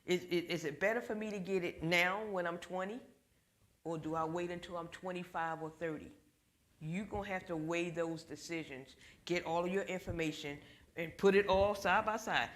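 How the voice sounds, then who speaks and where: A woman leading a church group discussion on money, animated and acting out little voices as she tells stories. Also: lowish voice, brisk. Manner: animated storyteller, acts out voices. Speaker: ministry financial class leader.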